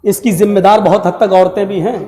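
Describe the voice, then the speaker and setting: Very high-voiced male preacher, echoing hall. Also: little pitch movement, dark tone, faint music behind. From Uttar Pradesh, India. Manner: dramatic, moralizing, addresses the crowd directly. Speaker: maulana, preacher. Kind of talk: storytelling sermon at a religious gathering. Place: large gathering hall. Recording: echoey hall with long reverb.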